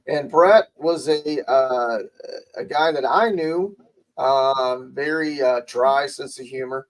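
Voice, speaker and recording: A man's voice: medium pitch, slow, low-quality recording. A man co-hosting a podcast, telling a chatty anecdote with many fillers. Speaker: podcast co-host. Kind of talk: casual storytelling.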